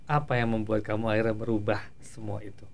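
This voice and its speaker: A man's voice: fairly low pitch, flat delivery, quick pace. A man hosting a casual interview, talking in a playful, teasing way and complimenting his guest. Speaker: host.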